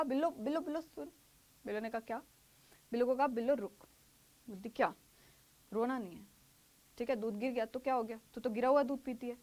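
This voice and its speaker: Woman, teacher, high voice, patient and repetitive, acts out small skits for students. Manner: explains in Hindi, repeats phrases slowly, acts out little skits. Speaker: English teacher. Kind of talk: online grammar lesson.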